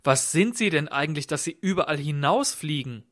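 A man with a slightly high, a bit bright voice plays Michael, a puzzled and concerned host, speaking fairly quickly with lively intonation. Sounding astonished, he keeps fussing with startled questions.

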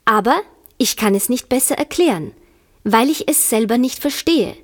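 A woman voicing a polite, flustered young girl who speaks higher and more eagerly in a storybook reading. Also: expressive, normal speed.

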